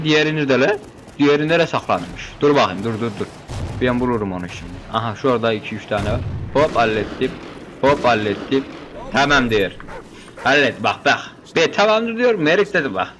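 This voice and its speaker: An excitable young man commentates his way through a shooter game in a casual, joking manner, talking back to the characters and shouting when things get tense. His voice sits at an everyday middle pitch. Faint game sounds play behind him. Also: a little hiss or hum. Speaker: gameplay commentator.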